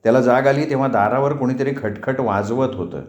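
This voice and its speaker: Man narrating a story in an echoey room. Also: mid-range voice. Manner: steady, measured storytelling. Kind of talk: scripted narration.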